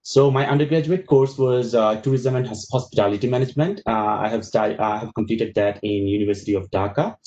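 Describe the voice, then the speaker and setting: A man from Bangladesh, introducing himself as a master's student on a panel, halting and restarting words over a video call. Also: mid-range voice, dark tone. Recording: muffled video call audio.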